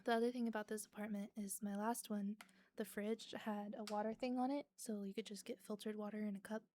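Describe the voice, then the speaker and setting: A woman talks casually with her viewers from her apartment, answering their messages with easy, self-deprecating jokes. Her voice sits at an ordinary pitch with a mellow, warm tone. She speaks into a desk microphone. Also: little pitch movement, a little fast. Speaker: live streamer. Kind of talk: casual chat with viewers between songs. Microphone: desk microphone she can mute.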